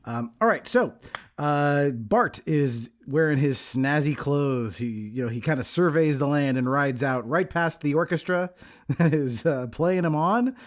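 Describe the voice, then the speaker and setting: A man's voice: fairly high pitch, a little slow. A man hosting a podcast, recapping a film in casual conversation. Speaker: podcast host.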